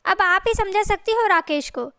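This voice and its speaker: A woman's voice: extremely high pitch, normal speed, fairly bright tone, no echo, studio quality. A woman voicing a pleading young wife. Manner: pleading, earnest.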